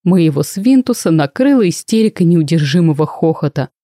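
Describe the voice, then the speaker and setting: A woman reading a first-person audiobook aloud, lively and voicing every character herself. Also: low voice, normal speed, dry recording, studio quality. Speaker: audiobook narrator.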